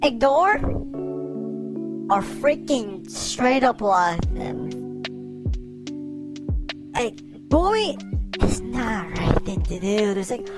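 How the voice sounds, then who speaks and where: A woman's voice: fairly high pitch, sing-song, takes it slowly, long pauses, music in the background. A woman speaking through a voice changer, giving blunt, exasperated, slangy reaction commentary as a host.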